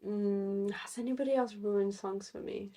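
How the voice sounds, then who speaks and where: A woman's voice: mid-range voice, fairly even intonation, moderate pace, dark tone. A young woman with a stuffy nose, co-hosting a casual podcast chat in an easygoing way with lots of laughter. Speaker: podcast co-host.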